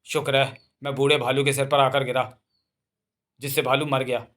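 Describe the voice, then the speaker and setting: A man's voice: medium pitch, little pitch movement, normal speed, a bit bright, natural voice. A man voicing a bumbling, cowardly comic hero who panics and complains. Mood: grumbling.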